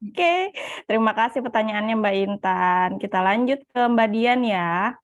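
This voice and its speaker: A woman's voice: fairly high pitch, expressive, measured pace, no echo, muffled recording. A woman host moderating a Q&A, reading audience questions in a chatty, playful way. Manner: chatty, laughs lightly, playful. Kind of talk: casual Q&A moderation.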